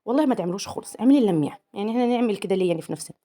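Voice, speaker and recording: A woman's voice: medium pitch, animated, rapid-fire, warm tone. A young woman with an Egyptian accent, chatting with viewers in a home vlog while she cleans her apartment, laughing often. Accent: Egyptian Arabic. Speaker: home vlogger, mother.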